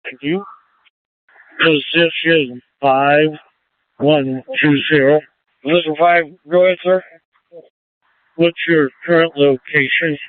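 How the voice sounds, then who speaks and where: A man's voice: on the high side, fairly even intonation, slow, long pauses, no room sound. A man working as a security post officer, giving clipped, matter-of-fact reports over a two-way radio. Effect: heard over a two-way radio. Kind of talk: radio dispatch traffic. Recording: tinny dry radio transmission.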